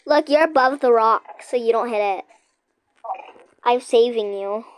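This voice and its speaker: A woman's voice: on the high side, measured pace, clear, resonant tone. A young girl hosting a casual gameplay video, chatting with a friend and talking to viewers as "guys", giggly and chatty. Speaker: gaming channel host.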